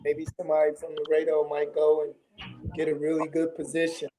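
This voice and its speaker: A man with a soft-edged, mellow and slightly high voice talks casually as a guest. He circles back over words while finding his point, with music underneath. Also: completely flat delivery, low-quality recording. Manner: halting, repeats words as he searches for them. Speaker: talk show guest. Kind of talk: casual chat.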